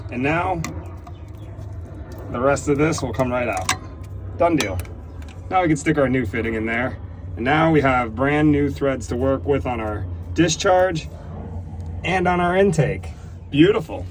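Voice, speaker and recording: A man's voice: on the high side, lively intonation, a little slow, long pauses, background noise. A man working as an irrigation technician outdoors, casually explaining each repair step in a plain, practical way as he works. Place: outdoors at a job site.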